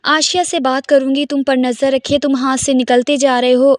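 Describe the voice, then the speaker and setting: A woman voicing a middle-aged aunt who teases and gently scolds her nephew with affection. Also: high voice, level tone, no room sound, studio quality, close to an everyday voice. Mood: affectionate.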